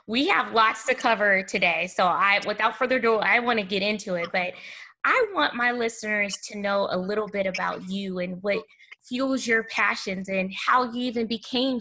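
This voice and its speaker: A woman's voice: medium pitch, normal speed, pushed and bright. A woman from Oakland hosting a podcast over a video call, giving an effusive introduction with small self-corrections. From Oakland, California. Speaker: podcast host.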